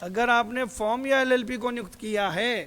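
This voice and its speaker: High-voiced male teacher in an echoing hall. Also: normal speed, a bit bright. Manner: asks students questions and answers them himself; calls students "beta". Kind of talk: classroom lecture. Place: classroom. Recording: hall reverb.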